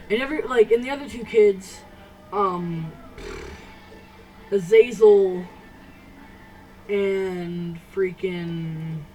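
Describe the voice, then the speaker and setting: A teenage girl telling a personal story to camera, halting, with many restarts and fillers. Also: mid-range voice, a little mellow, distant mic, slight background noise, poor audio. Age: teens. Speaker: vlogger. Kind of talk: casual storytime.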